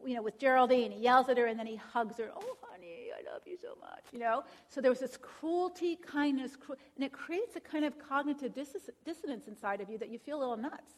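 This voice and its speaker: High-voiced woman giving a counseling lecture. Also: lively intonation, brisk, hardly any pauses. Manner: frequent tag questions and check-ins. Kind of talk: conversational lecture.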